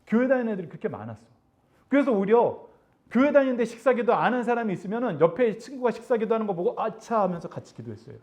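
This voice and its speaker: Animated Korean-speaking male youth preacher. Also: racing. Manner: animated, acts out classmates' taunts, drops soft and low for God's comfort. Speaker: youth pastor. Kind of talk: sermon to teenagers. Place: church service hall.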